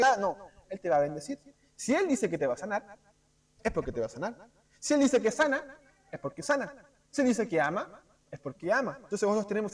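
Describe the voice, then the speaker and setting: A man with a Chilean accent preaching an informal sermon in a church, animated and asking rhetorical questions. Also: high-pitched, recorded from a distance. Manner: animated, asks rhetorical "cierto?", acts out quick voices. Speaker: preacher teaching a Bible class.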